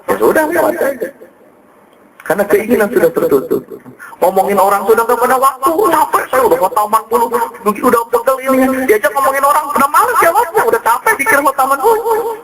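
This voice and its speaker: A man, preaching a sermon as a kiai and telling stories with acted dialogue. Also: poor audio. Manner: storytelling with acted dialogue, wide swings in pitch. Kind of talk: religious sermon to congregation.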